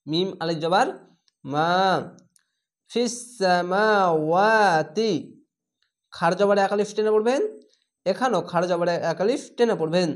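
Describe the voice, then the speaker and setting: A man teaching Quran reading, patiently spelling out Arabic syllables and reciting words in a slow, drawn-out way. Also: high voice. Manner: patient, instructive.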